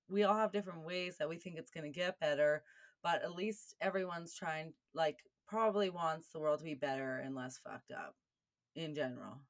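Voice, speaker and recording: A woman's voice: lowish voice, a bit bright. A woman chats informally as an interviewer. Her delivery is casual and supportive, in everyday conversational phrasing.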